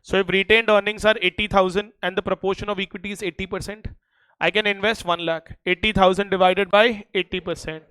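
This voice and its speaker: Indian-accented man, high smooth voice, classroom lecturer, emphatic delivery, checks in with students. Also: level tone, a little fast, pushed and bright, no room sound. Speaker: accountancy teacher.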